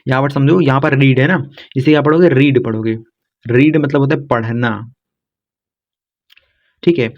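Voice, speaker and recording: A man gives a vocabulary lesson at a middle pitch, repeating each word and checking in again and again. The recording is a bit dull and lo-fi. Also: fairly even intonation, normal speed, long pauses. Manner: repetitive, keeps saying "thik hai". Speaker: English teacher. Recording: slightly dull lo-fi sound.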